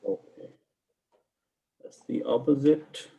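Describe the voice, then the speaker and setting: A man leading an informal online class, speaking haltingly as he thinks aloud. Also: mid-range voice, fairly even intonation, creaky, mellow. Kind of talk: informal online lesson, chatting with students.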